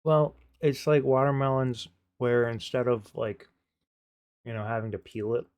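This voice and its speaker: A man's voice: mid-range voice, unhurried, a little mellow, clear, resonant tone, no echo. A man co-hosting a podcast in casual chat, giggly and sheepish, often trailing off mid-thought. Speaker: podcast co-host.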